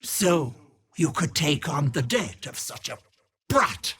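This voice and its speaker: An actress playing a wicked old hag who poses as a kindly auntie in a video game, sly, wheedling and sharp-tongued, with sugary endearments. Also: female voice, low-pitched, very animated, slow, husky, heavily acted. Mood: sly, bargaining. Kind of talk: game voice acting, theatrical.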